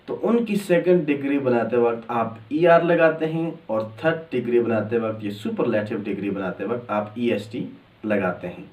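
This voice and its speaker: A man explaining English grammar step by step, drawing out example words slowly. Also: medium pitch, darkish tone. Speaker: English teacher. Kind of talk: grammar lesson. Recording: echoey room, distant mic.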